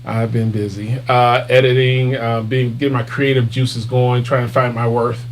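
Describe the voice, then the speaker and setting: A man's voice: mid-range voice, flat delivery, moderate pace. Chatty man hosting a podcast. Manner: chatty, laughs, loose phrasing. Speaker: podcast host. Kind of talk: casual live-stream chat. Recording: faint hum behind.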